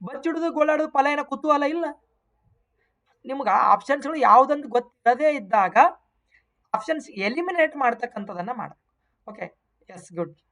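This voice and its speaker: A woman's voice: high-pitched, lively intonation, normal speed, pauses often, a bit bright. A woman with a North Karnataka Kannada accent, an exam coaching teacher going over test answers, emphatic, repeating key points and mixing in English terms.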